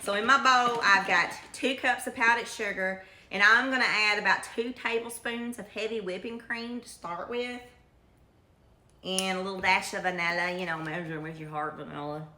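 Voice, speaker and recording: A woman's voice: medium pitch, fairly even intonation, moderate pace, pushed and bright. A middle-aged woman with a Kentucky accent, chatting in a folksy, homespun way as she demonstrates home cooking. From Kentucky, United States. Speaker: home cook presenting a recipe. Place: home kitchen, indoors. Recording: echoey room with faint noise.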